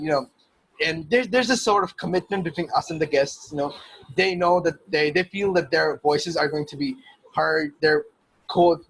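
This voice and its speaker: Husky-voiced young man hosting a podcast. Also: on the high side, rough recording. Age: young adult. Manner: earnest, rambling, restarts sentences. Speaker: podcast host. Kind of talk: casual interview chat.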